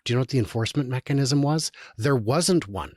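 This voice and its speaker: A man delivers political commentary in a sarcastic, exasperated tone and often breaks off mid-sentence to restart. His voice sits at an ordinary middle pitch for a man. The recording is dry and close, with no room sound. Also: brisk, a little mellow, no echo. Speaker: show host. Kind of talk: political commentary reading and reacting to articles.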